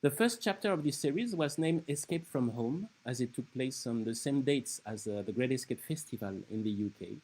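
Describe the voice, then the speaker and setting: A man's voice: medium pitch, normal speed, hardly any pauses, husky, low-quality recording. Man reading a formal event introduction. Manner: formal, steady, slight hesitations. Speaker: event host introducing the panel. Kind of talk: read introduction.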